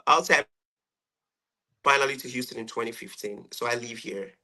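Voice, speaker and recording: Relaxed Nigerian man, bright voice. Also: mid-range voice, a little fast. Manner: relaxed, chatty, laughs often. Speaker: guest musician. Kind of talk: casual radio interview.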